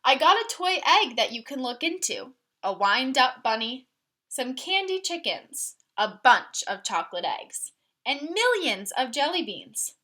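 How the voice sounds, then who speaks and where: A woman's voice sits high, pushed and bright, swinging widely in pitch as she reads unhurriedly from a picture book. Like a teacher, she explains simple points and poses questions to the children listening.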